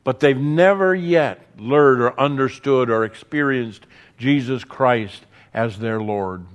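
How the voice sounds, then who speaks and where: A man preaching a sermon, earnest, building emphasis through repetition and dropping softly on key words. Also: medium pitch.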